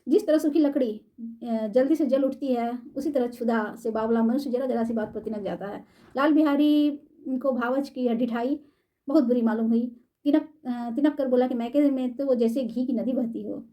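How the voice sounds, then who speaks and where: A woman storyteller reading a classic short story aloud in a measured, formal way. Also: fairly high pitch, warm tone.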